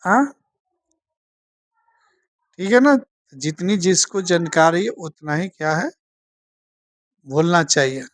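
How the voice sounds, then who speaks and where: Slow, low-voiced woman teaching scripture. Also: lively intonation, no echo, clean studio sound. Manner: slow, keeps asking "theek hai na?". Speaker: Bible teacher. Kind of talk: Bible study teaching.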